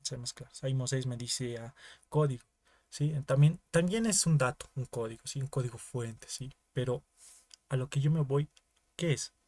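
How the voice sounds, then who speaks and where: A man's voice: mid-range voice, normal speed, darkish tone, dry recording. Young bolivian guy tutoring a class online, keeps going ¿sí?, dry close sound. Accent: Bolivian Spanish. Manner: explains in repeated steps, often asks ¿sí?. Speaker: teaching assistant.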